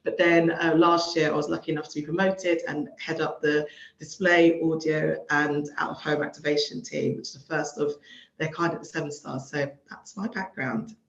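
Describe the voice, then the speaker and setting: A woman introduces herself in a relaxed way, pausing often with ums. Her voice comes through a roomy, slightly dull video-call recording. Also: sits low. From London. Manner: relaxed, hesitant with many ums. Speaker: panelist. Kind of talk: casual self-introduction. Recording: echoey, muffled video call.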